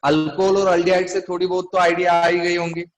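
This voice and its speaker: A man's voice: sits high, flat delivery, fast talker, low-quality recording. A man teaching a chemistry class, explaining step by step and quizzing his students. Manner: asks the class questions often. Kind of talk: classroom lecture.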